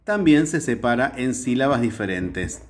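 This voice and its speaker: A man's voice: mid-range voice, expressive, normal speed. A male teacher explaining a grammar lesson at a whiteboard step by step, often checking in with the class.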